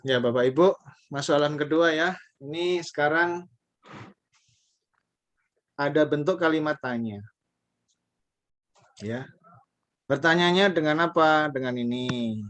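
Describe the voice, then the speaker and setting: Male language teacher, slightly high voice, patient drill leader, casual online class. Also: fairly bright tone. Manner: patient, repeats phrases slowly for learners to copy.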